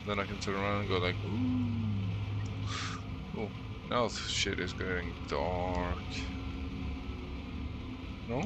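A Norwegian game streamer chats casually with his live-stream audience while playing, laughing often. His low voice is unhurried and sing-song, with game sounds in the background.

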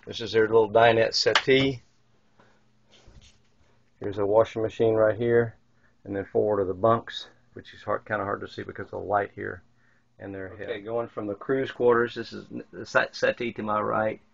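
On a handheld camera mic, a man casually narrates his filmed tour of a yacht's wood-paneled cabins, rambling through fillers and restarts. His fairly low voice is creaky and steady at normal speed, with no echo in the dull lo-fi camcorder audio.

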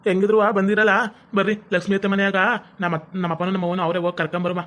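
A man's voice: high-pitched, little pitch movement, rapid-fire, a bit bright. A person playing a brash young village man, a grandson, in a comedy sketch, bossy.

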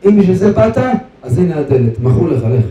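A man's voice: a little high, very animated, warm tone. A man voicing a broken, elderly male ex-headmaster who is bitter and curt, in a story told during a sermon. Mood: curt, dismissive. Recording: echoey, distant, dull lo-fi hall recording.

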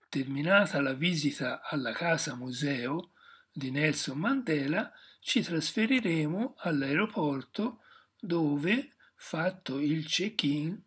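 A man from Italy reading a scripted travel narration in a measured, informative way. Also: on the high side, slightly rough.

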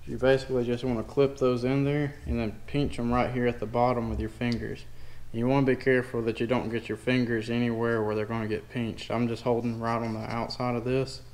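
In an indoor garage workshop, a DIY mechanic demonstrates a tool, narrating a casual hands-on tutorial in plainspoken, folksy language. His medium-pitched voice has a darkish tone, moves briskly, and stays fairly flat in pitch.

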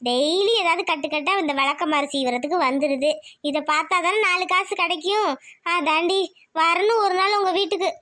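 Woman voicing a chatty cartoon aunt: very high and bright. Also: normal speed. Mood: teasing. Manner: teasing, talkative. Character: chatty middle-aged village aunt who weaves brooms.

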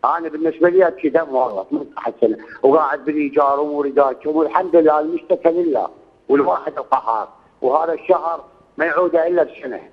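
Over a narrow, tinny phone line, a man in his sixties from Iraq calls a radio show to complain, pleading about his hardship in an Iraqi Arabic accent. His fairly high voice comes rapid-fire as he swears oaths and repeats himself.

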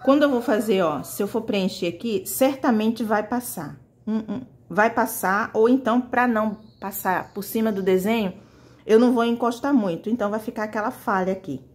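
A woman's voice: on the high side, normal speed. Woman doing a laid-back painting tutorial, chatty, talks right to the viewers while painting. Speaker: fabric painting teacher. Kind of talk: casual tutorial.

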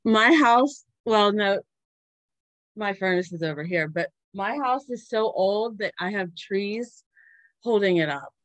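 A woman in her thirties joking in an animated way as a panelist on a video call from a basement. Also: mid-range voice, unhurried, no room sound. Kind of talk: casual video-call chat.

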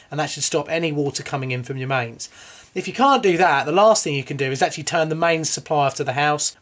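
A man in his thirties with a British accent, a plumber walking through a repair job at home in a chatty, jokey way. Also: fairly high pitch. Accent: British English. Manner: chatty and jokey, cheeky asides. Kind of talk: hands-on plumbing tutorial. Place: inside a house, airing cupboard and rooms. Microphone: wide-angle camera held close or set on floor.

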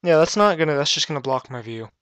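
A man's voice: on the high side, animated, fast talker, fairly bright tone, a little hiss or hum. A man chatting casually over a let's-play game, flustered at times and dry and offhand. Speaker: gameplay commentator.

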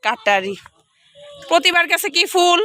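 A woman's voice: very high-pitched, big pitch swings, a little slow, pushed and bright. A woman from Bangladesh chatting as she walks outdoors past rice fields and calls out to the children in her group. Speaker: family vlogger. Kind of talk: casual walking vlog narration. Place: outdoors among rice fields at a research farm.

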